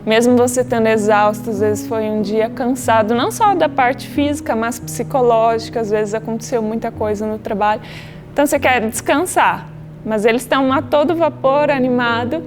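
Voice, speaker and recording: A woman in her thirties speaks with a Brazilian accent in a fairly high voice. She tells her story calmly and reflectively, as a health worker in a documentary interview. Music plays clearly beneath her. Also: normal speed. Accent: Brazilian Portuguese. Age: 30s.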